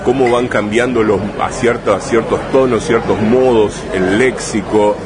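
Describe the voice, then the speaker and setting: Recorded in a packed bar with talking patrons and street traffic in the background, a male writer from Rosario, Argentina, gives a relaxed interview. His voice sits on the low side with fairly even intonation and a local Rosario accent. He thinks aloud, stopping and restarting, often ending with tag questions.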